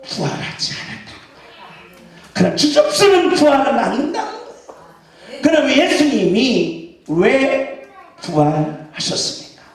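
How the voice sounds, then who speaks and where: A man, a pastor, preaching an Easter sermon with emphasis, questioning the congregation and shouting exclamations. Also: extremely high pitch, sing-song, measured pace, pauses often. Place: church sanctuary. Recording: echoey church hall from far off.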